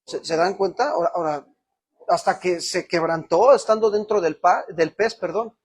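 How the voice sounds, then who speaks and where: A man's voice: sits high, moderate pace, breathy edge. A man with a Mexican Spanish accent preaching a sermon as pastor, telling a personal story that rises to emotional peaks.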